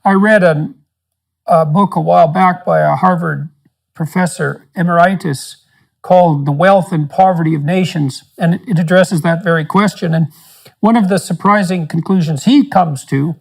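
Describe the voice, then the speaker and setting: A man hosting an interview podcast, introducing his guest and asking measured, thoughtful questions. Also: a little high, vocal fry. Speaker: podcast host.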